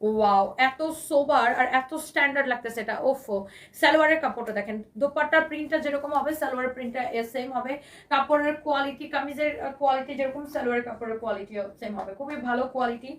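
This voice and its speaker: A woman with a Bangladeshi Bengali accent, hosting a live shopping sale with an enthusiastic, repetitive pitch and English phrases mixed in; her voice is hoarse from shouting. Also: rapid-fire, distant mic. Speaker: live-sale fashion seller.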